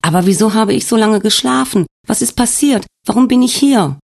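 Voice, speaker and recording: A woman's voice: a little high, a little fast, vocal fry, darkish tone, voice pushed up. A man voicing a young woman who has just woken in a hospital bed, anxious and full of questions, in an audiobook. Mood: bewildered, anxious.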